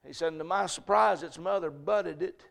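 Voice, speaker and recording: A man preaching a sermon, telling a story with sudden loud shouted peaks. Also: fairly high pitch, normal speed, vocal fry. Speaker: pastor.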